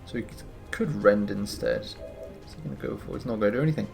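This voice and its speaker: A man giving relaxed, wry commentary on his gameplay, sounding a bit tired. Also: fairly low pitch, quick pace, creaky. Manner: relaxed, wry, thinking aloud. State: tired, yawning. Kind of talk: casual let's-play commentary. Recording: music playing behind.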